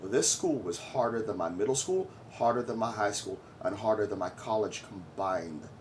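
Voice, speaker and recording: A man's voice: fairly low pitch, animated, normal speed, darkish tone, slight background noise. A man in his forties from Trinidad and Tobago, giving blunt, boastful opinion commentary to his viewers. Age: 40s. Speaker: vlogger.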